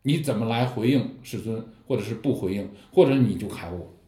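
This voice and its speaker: A man with a lowish voice talks fairly quickly as a Buddhist teacher explaining Zen koans in a dharma talk. He tells lively stories and asks rhetorical questions, and the room is echoey.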